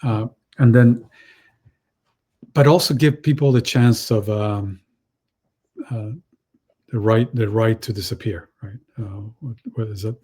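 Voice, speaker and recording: A man who grew up in Chile, speaking as a panel guest in a halting way, with many restarts and fillers. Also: fairly low pitch, warm tone, husky. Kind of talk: panel discussion.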